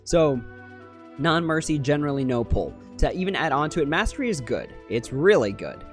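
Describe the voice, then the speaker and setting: A man with a slightly high voice talks into a livestream headset mic, picking apart game numbers out loud in a critical, analytical way. Faint music plays underneath. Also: big pitch swings, moderate pace. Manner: analytical, critical, thinking aloud. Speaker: mobile game streamer. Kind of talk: casual livestream commentary.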